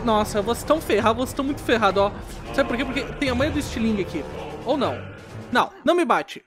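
A woman with a high, bouncy voice chatters through a virtual reality game, excitable and playful, scolding and joking with the characters she fights. Her pitch swoops all over as she talks, and soft music plays faintly underneath. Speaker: gaming YouTuber. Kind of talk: casual gameplay commentary.

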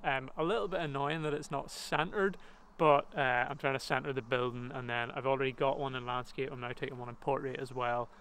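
A man's voice: mid-range voice, fairly even intonation, brisk, hardly any pauses, fairly bright tone, clean tone, low-quality recording. A man giving casual, rambling commentary while taking photos outdoors at an abandoned building, with many fillers and restarts. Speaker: photographer and vlogger.

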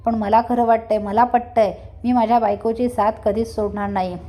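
An angry young husband who protests loudly to defend his wife, as a woman narrator puts him on. The voice is fairly high. The tone stays heated and loud. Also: steady tone, moderate pace, lightly acted. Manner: shouting, protesting.

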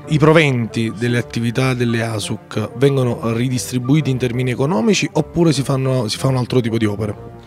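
A man's voice: medium pitch, fairly quick, a little mellow. A man asks short, direct interview questions in a mid-range voice. Faint music sits under his questions.

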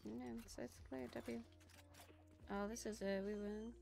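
A woman's voice: mid-range voice, steady tone, measured pace, creaky, a little mellow, soft background music. A woman in her twenties chatting casually on a gaming livestream, upbeat and encouraging. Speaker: game streamer. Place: small bedroom streaming setup. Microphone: microphone on boom arm.

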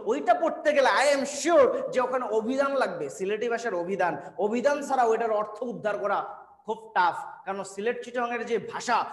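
High-voiced male teacher in an echoey room. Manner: joking, teasing students by name, mixes English words. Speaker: admission coaching teacher. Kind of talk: online lecture with live chat questions. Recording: echoey room with long reverb.

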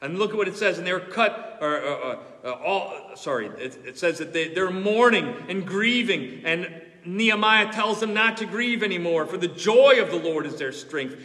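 A man preaching an expository sermon, swinging between loud fervor and hushed earnestness. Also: high-pitched, lively intonation, normal speed. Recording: echoey hall with long reverb.

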